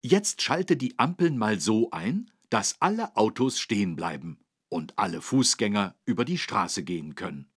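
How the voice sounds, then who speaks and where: Clean, dry studio sound carries a lowish, sing-song male voice at a moderate pace with few pauses. He plays a friendly, helpful policeman in a German cartoon game, teaching small children road safety in a didactic, instructive manner with simple, clear phrasing.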